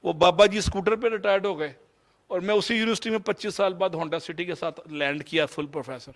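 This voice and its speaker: A man in his fifties from Pakistan with a Pakistani Urdu accent, telling a personal story in a motivational lecture and slipping English phrases into his Urdu. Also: high voice. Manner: mixes English phrases into Urdu, shifts between loud and soft. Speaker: motivational speaker.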